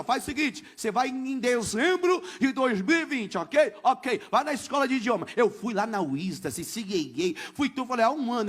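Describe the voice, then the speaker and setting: A man in his thirties, a missionary pastor telling his story in a church sermon, acting out each exchange and building to shouts. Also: extremely high pitch. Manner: animated storytelling, acts out dialogue, builds to shouts. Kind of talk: testimony sermon.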